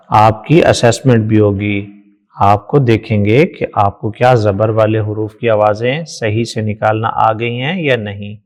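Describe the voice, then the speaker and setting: A man at a middle pitch leads a beginners' reading lesson. He sounds out letters and syllables slowly and praises the listener after each one. His voice carries a long reverb, as if recorded in a large hall. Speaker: Quran reading teacher.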